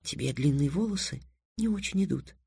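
A man voicing a teasing, practical young girl companion in a soft, quiet voice. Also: on the high side, sing-song, normal speed, husky, no room sound, clean studio sound.

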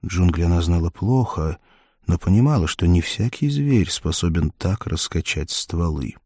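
A man narrating an adventure audiobook in a steady, measured reading voice. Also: low voice, no echo, studio quality. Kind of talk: scripted narration.

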